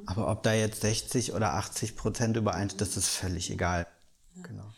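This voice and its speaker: A man of thirty-six, a podcast guest, calmly explaining and reflecting in casual talk. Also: fairly low pitch, a little fast, gravelly. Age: 30s. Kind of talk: casual conversation.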